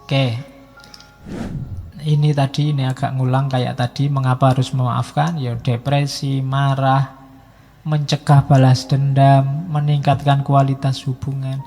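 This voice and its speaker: A man's voice: mid-range voice, level tone, a little slow, warm tone. A middle-aged man giving a public lecture, talking in a conversational, teasing way and stretching out words for emphasis. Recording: echoey hall with faint music.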